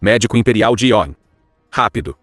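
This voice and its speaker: Casting: pai nobre autoritário e frio, falas curtas, drama de época dublado. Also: male voice, lowish voice, animated, moderate pace, a bit bright, no echo, studio quality, faint music behind. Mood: urgent. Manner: curt, commanding. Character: stern noble marquis father, dismissive. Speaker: dubbing actor.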